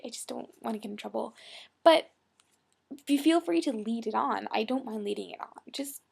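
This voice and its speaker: A woman's voice: fairly high pitch, creaky. A woman in her twenties chatting casually in a webcam vlog, talking in a hyper, bubbly way and dropping into whispered asides. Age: 20s. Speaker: role-play blogger.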